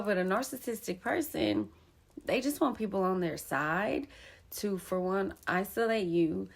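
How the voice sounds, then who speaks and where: This young woman's voice sits mid-range, fairly bright yet creaky. A poet and storyteller, she tells her betrayal story candidly, with emphasis, an easygoing manner and lots of slang.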